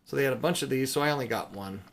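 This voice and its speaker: This man races through a casual, unscripted video showing off silver bullion he purchased, his mid-range voice rambling with mildly playful exclamations. Background noise can be heard.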